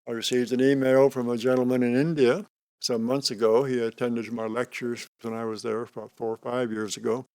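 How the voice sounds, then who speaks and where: An older man giving an unscripted spiritual talk on meditation as a teacher, speaking slowly and calmly in short, deliberate phrases with pauses. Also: medium pitch, no room sound. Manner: slow, calm, deliberate delivery with pauses between short phrases.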